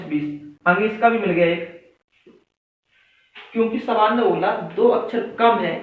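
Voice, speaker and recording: Male maths teacher, high voice, counts aloud step by step; far from the mic in an echoey room, phone-like sound. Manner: counts aloud step by step, asks students questions. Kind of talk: classroom lesson explanation.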